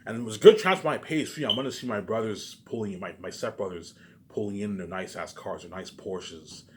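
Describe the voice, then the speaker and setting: A male vlogger with a fairly low voice talks a little fast through an unscripted, agitated rant to camera, rambling, repeating himself, cursing and stumbling over his words. There's slight background noise.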